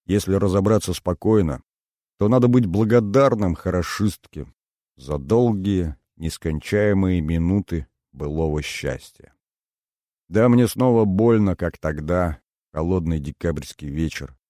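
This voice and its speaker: A man narrating a first-person audiobook in a calm, measured, brooding way. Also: deep voice, dry recording, studio quality.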